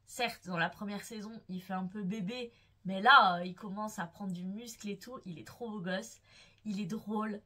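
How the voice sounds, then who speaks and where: Her voice is medium in pitch and sharp in tone, with fairly even intonation at a normal speed. This young book vlogger chats casually and eagerly, gushing and swooning playfully about the characters she loves.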